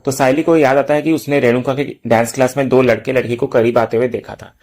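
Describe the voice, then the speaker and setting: A man calmly narrates an episode recap, walking through the scenes one after another. His voice sits at an ordinary middle pitch. The delivery is plain and even, like a reviewer talking his audience through what happened. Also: fast talker. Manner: steady storytelling, plain retelling of scenes.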